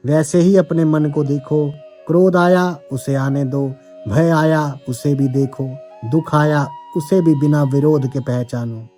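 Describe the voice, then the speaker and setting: A man giving a calm, measured devotional discourse as a spiritual teacher, speaking directly to seekers. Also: fairly high pitch.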